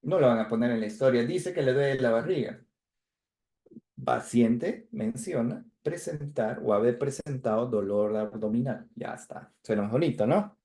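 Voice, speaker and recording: A man giving a medical lecture in a warm, mellow voice. He explains things patiently and keeps checking in with tag questions and fillers. His pitch sits at an ordinary middle level. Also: normal speed. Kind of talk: university lecture.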